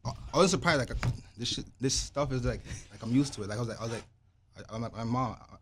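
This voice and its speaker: A man's voice: mid-range voice, quick pace, background noise. A young man from Toronto, a rapper guest, talking in a rambling way with lots of fillers. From Toronto, Canada. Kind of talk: casual interview.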